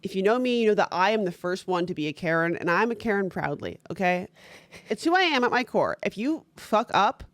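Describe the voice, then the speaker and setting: A woman's voice: mid-range voice, lively intonation, fairly quick, no room sound, clean studio sound. A young woman co-hosting a podcast in casual chat, blunt and swearing freely as she acts out what others said. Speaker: podcast co-host.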